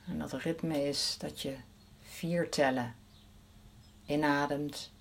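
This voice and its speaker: Slow, low, soothing woman guiding breath. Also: steady tone, creaky. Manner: soft, slow, soothing, counting breaths aloud. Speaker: breathing exercise guide. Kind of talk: guided breathing meditation.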